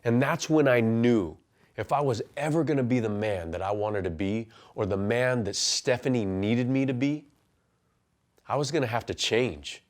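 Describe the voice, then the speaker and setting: A man's voice: medium pitch, normal speed. A man in his forties, a life coach and pastor, telling his own story earnestly and then giving punchy motivational advice. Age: 40s. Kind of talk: personal testimony and motivational talk.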